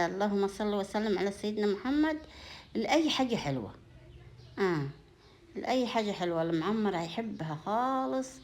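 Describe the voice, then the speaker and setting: In a casual home vlog, a woman speaks with an Upper Egyptian Sa'idi Arabic accent, her voice fairly low and a little mellow. She chats with her viewers in a folksy manner, sprinkling her talk with blessings and endearments.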